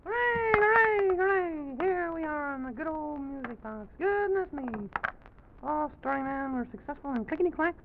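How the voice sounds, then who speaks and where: A man voicing a small, excitable, bearded little president in a children's radio drama, folksy, boastful and kindly, repeating himself. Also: very high voice, moderate pace, background noise, pitched above the performer's own voice. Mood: proud, delighted. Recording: dull vintage broadcast, loud music behind.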